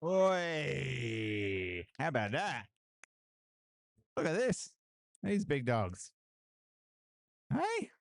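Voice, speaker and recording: A man's voice: medium pitch, very slow, gravelly, pauses often, no echo. Aussie guy calling a strongman comp live, hyped up, dry close sound. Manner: excitable hype, repeated cheers and laughs. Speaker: livestream commentator. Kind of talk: live strongman event commentary.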